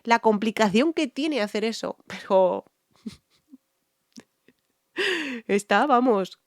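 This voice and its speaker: Reacting to a music video, a singer offers casual, enthusiastic commentary on the vocalist's technique, echoing phrases for emphasis and humming or singing snippets along. Her voice is on the high side and animated yet extremely slow, captured in clean studio sound with no room noise.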